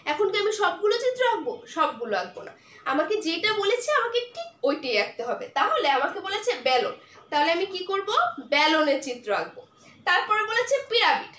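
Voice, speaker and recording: With a very high, bright, forceful voice, a woman teaches young children online as a primary school teacher, patiently posing questions and supplying the answers. The room is echoey with faint noise.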